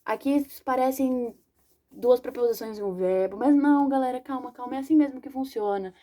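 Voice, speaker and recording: A young woman giving a casual video lesson on English, chatty and slangy, correcting herself and reading example sentences slowly. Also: high voice, mellow. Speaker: English teacher.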